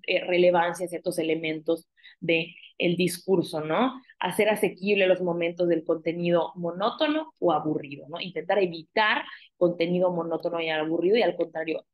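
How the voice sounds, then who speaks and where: Woman lecturer, lowish voice, talks through points with fillers and tag questions. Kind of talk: recorded online lecture.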